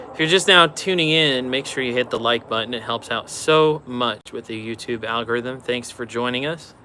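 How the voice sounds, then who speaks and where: A man's voice: mid-range voice, bright, forceful tone, a little hiss or hum. A man hosting a casual live stream outdoors beside railroad tracks, chatting offhand and answering viewer questions.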